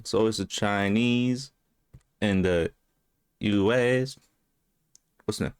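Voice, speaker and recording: A man's voice: fairly low pitch, slow pace, smooth. Jokey man reacting to a video. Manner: jokey, profane asides. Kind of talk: casual reaction commentary.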